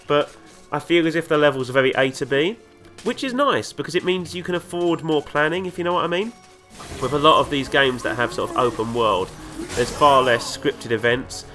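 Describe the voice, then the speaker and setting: A man's voice: on the high side, a little fast, sharp tone. A man with the flu, sounding congested and nasal, chatting enthusiastically and a bit ramblingly while playing a game. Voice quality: nasal from a cold. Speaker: gaming video host. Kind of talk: let's play commentary. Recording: game music playing underneath. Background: game music and sounds.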